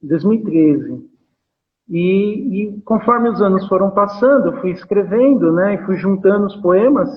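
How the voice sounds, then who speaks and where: A man's voice: high-pitched, expressive, unhurried. A man from São Paulo with a Paulistano accent, a poet being interviewed over a video call, speaking hesitantly with many fillers and tag questions. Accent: Paulistano Brazilian Portuguese. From São Paulo, Brazil. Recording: tinny phone-like call audio.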